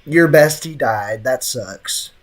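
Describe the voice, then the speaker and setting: Taking things slowly, this young man from the United States has an expressive, mid-range voice. He's live-streaming a game, reading messages from chat and answering them in a relaxed, slangy way, with game music in the background.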